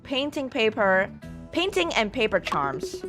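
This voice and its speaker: A woman streamer chats slowly through a story game, her pitch swinging widely as she reads on-screen text aloud. Now and then she swears out loud, and soft music plays behind her. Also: big pitch swings. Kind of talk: casual game commentary.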